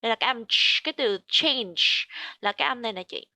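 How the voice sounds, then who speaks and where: A woman with a Vietnamese accent tutors English pronunciation, switching between Vietnamese explanations and English examples. She says each word slowly and repeats it for her student. Her voice is bright and slightly high, recorded close and dry. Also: no echo. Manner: models words slowly and repeats them for the learner. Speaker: English teacher.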